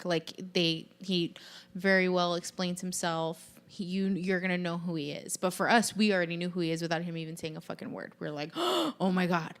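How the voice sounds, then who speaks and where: A woman's voice: on the low side, clear, resonant tone. A woman hosting a podcast in casual chat, talking animatedly with lots of fillers and frequent swearing. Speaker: podcast host.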